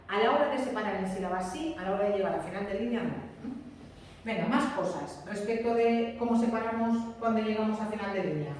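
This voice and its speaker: Woman teacher, fairly high voice, patient lecture style, long echo, distant mic. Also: a little mellow. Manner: explains patiently, repeats key points, checks with students. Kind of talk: classroom lecture. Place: classroom. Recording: roomy echo, distant mic, faint room noise.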